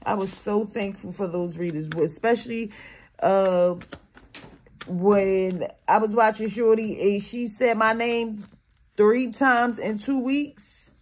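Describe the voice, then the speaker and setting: A woman giving a casual spiritual card reading to her viewers, slangy and emphatic, with her morning voice still on her and a habit of tacking "okay?" onto her lines. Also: takes it slowly. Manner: swings between low mutters and loud animated bursts.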